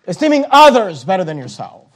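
A man preaching a sermon as pastor, emphatic and full of restarts, slowing down to read scripture with weight. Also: sits high, big pitch swings. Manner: emphatic, punching key phrases, with frequent repeated restarts; reads scripture in a slowed, heightened voice.

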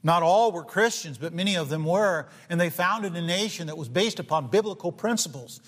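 A man's voice: sits high, lively intonation, fairly quick, fairly bright tone. A man preaching a sermon to a congregation, earnest, with frequent fillers and restarts, often asking his listeners questions. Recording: long hall reverb.

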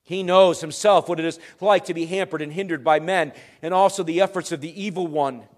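A male pastor preaching a sermon, swinging between loud emphatic rises and quiet, dropped phrases. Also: a little high, steady tone, a little fast.

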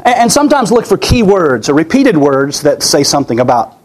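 Preacher guy with a weak tired voice, kinda high, keeps repeating himself, earnest. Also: very animated, a little fast, darkish tone. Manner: earnest, repeats words and restarts phrases. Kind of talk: sermon.

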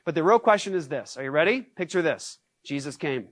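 Pastor, male, animated sermon delivery with rhetorical questions, dry sound. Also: a little high, fairly quick, no room sound. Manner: acts out shouted scenes.

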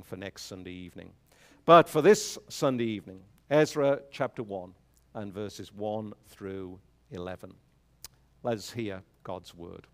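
Slow, deliberate pastor at a pulpit microphone. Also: male voice, lowish voice. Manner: slow, measured reading with rising emphasis; frequent fillers when speaking freely. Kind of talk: scripture reading and sermon announcements.

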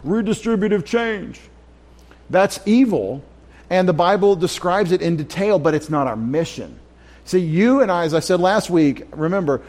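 A man's voice: high voice, a little mellow. Emphatic male pastor preaching. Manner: emphatic, repeats himself, with restarts. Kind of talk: Bible study sermon. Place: church.

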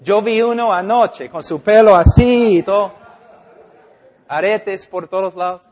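Slow, high-voiced preacher. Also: male voice. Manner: swings from hushed to loud and emphatic. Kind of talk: sermon.

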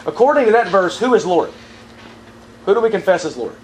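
A man's voice: sits high, big pitch swings, a little fast, darkish tone, slight background noise, rough recording. A man teaching from the Bible in a sermon style, asking the audience questions and repeating verse references.

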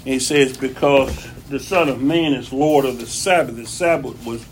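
A man's voice: medium pitch, normal speed, slight background noise. A man preaching a conversational sermon in his church, folksy and repeating phrases for emphasis. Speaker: pastor.

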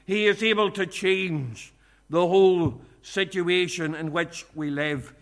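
A man preaching a sermon at a church meeting, earnest and measured, often quoting scripture. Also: sits high.

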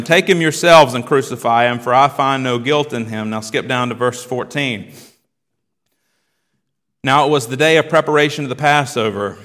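Man preaching in an echoing hall. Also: mid-range voice. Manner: dramatic reading, rising loud on quoted cries. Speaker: pastor. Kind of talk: sermon with scripture reading. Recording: long hall reverb.

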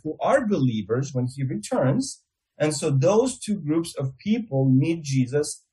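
A man's voice: mid-range voice, darkish tone, breathy edge, rough recording. A man with a Russian accent giving a theology lecture as a Bible teacher, explaining things step by step.

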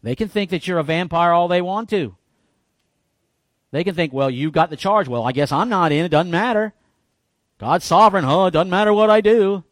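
A man preaching a sermon in church, folksy and joking, with animated bursts when he quotes people. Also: high-pitched, normal speed, dry recording, studio quality. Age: 50s. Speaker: pastor.

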